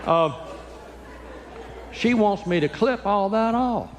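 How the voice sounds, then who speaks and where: A man's voice: sits high, expressive, slow, long reverb tail, some chatter behind, a little hiss or hum. An older man doing stand-up comedy in a church, folksy, teasing the audience and acting out quotes. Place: church sanctuary.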